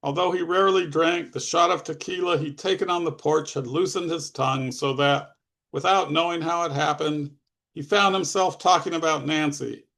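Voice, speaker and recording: A man reading from his own short fiction in a steady, plain narrating voice. His tone sits a bit high for a man and carries a gravelly rasp, with casual asides between passages. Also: moderate pace.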